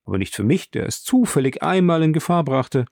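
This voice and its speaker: An effusive nobleman in his thirties, as a male narrator puts him on, exclaiming with a raised, lively voice. The audiobook sound is close and dry. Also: on the high side, fairly quick, gravelly, no echo, pitched above the performer's own voice. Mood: emphatic. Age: 30s. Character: elegant noble around thirty, emphatic, effusive.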